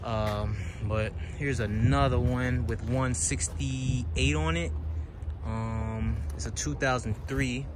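A man's voice: mid-range voice, steady tone, slow pace, background noise. A man giving a loose, chatty walkaround of cars at an outdoor auction lot, talking straight to his viewers as he climbs in and out of cars. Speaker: vlogger touring a car auction lot. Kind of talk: casual walkaround commentary.

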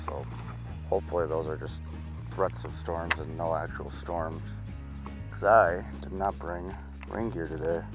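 A man's voice: sits low, steady tone, a little slow, pauses often, over music. A man, chatting casually to an action camera as he fishes from a small boat on a lake. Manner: chatty, talks to himself while fishing. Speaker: fishing vlogger. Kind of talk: casual fishing vlog. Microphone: action camera mounted on the boat.

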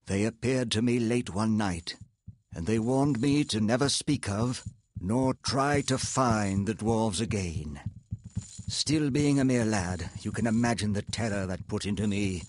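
A man playing a wealthy self-made inventor in a video game, telling his story in a measured, earnest, formal way, proud and regretful. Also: lowish voice, lively intonation, no room sound. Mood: haunted, bitter. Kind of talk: reading video game dialogue aloud. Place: indoor home streaming setup, close and dry.

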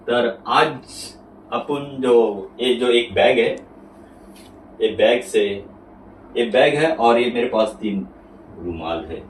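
A man's voice: medium pitch, slow pace, pauses often. A man with a Marathi accent presenting magic tricks like a kids party magician, explaining each step simply to the viewers. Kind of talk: magic trick demonstration to camera. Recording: roomy echo, distant mic, faint noise.

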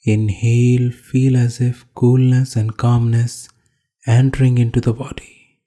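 A yoga instructor, male and Indian-accented, calmly guides a meditation with short instructions. His voice is mid-range, and he pauses between phrases.

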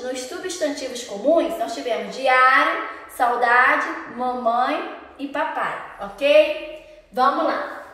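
A woman teacher with a Brazilian Portuguese accent, gently and patiently talking young pupils through the answers of a recorded online lesson, reading slowly and clearly. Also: high voice. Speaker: primary school teacher. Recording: very echoey room with long reverb.

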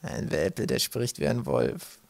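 A scrawny storybook swamp guide, put on by a male reader, snarls and mocks. His voice jumps up and down in pitch as he scoffs. The sound is dry and close. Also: wildly swooping pitch, takes it slowly, creaky, darkish tone, no room sound, heavily acted. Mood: sneering. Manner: snarling, mocking. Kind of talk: audiobook character voice.

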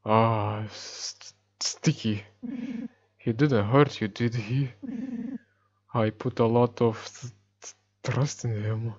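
A man's voice: mid-range voice, fairly even intonation, slow pace, pauses often, a little mellow, breathy edge, dry recording, lo-fi sound. A man voicing a timid male wanderer who stammers and hesitates.

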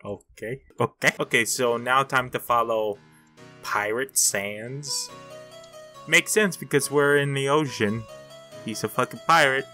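A man giving casual gameplay commentary in an excitable, sweary, exasperated manner. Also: medium pitch, measured pace, soft background music. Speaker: gamer commentator.

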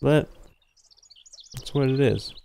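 A man's voice: mid-range voice, slow pace, creaky, mellow, a little hiss or hum. A young man casually explaining a fishing game as he plays it on a live stream. He talks into a headset mic and drifts into fillers and trailing thoughts. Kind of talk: casual live gameplay commentary.

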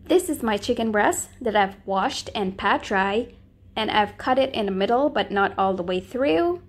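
Cooking host, female, mid-pitched, friendly step-by-step voice-over narration. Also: expressive, normal speed.

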